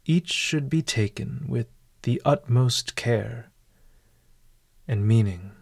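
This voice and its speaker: A man leading a guided walking meditation in a calm, deliberate, measured way. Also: mid-range voice, vocal fry.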